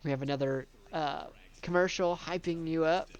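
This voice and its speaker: A woman casually narrating a tour of her own theme park, chatty and relaxed, laughing between remarks. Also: deep voice, moderate pace, clear, resonant tone.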